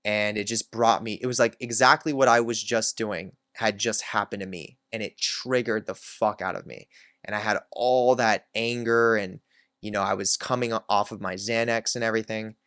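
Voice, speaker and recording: A man's voice: lowish voice, steady tone, normal speed, a bit bright, smooth, dry recording, clean studio sound. A man hosting his own channel, candidly telling a personal story in a reflective way, with many filler words. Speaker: self-help channel host.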